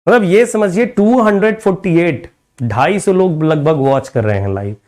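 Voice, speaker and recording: A man teaching English literature in a live online exam-prep lesson. He reads poem lines slowly and drawn out, explains in a mix of Hindi and English, and keeps calling his viewers "guys". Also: high-pitched, lively intonation, a little mellow. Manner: often addresses viewers as guys.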